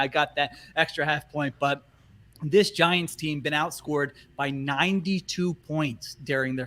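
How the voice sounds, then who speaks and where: Brief: male football analyst, bright and fairly high, chatty and laughing. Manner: animated, laughs often while talking. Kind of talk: casual podcast chat.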